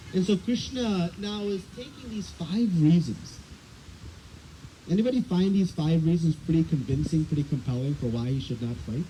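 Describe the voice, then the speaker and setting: A man with a high-sitting voice gives a scripture class outdoors as a spiritual teacher, chatting conversationally and putting questions to his audience. He speaks into a battery microphone that keeps cutting in and out. The rough recording carries loud wind and outdoor noise.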